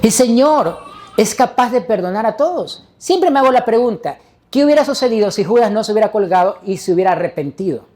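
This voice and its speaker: Mellow-voiced male pastor preaching emphatically. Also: high voice, sing-song, brisk. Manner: emphatic preaching with rhetorical questions to the congregation. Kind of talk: sermon.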